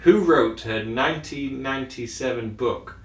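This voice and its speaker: A man's voice: mid-range voice, unhurried, far from the mic, a little hiss or hum. Male quizmaster in an echoey room. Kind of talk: reading trivia questions aloud.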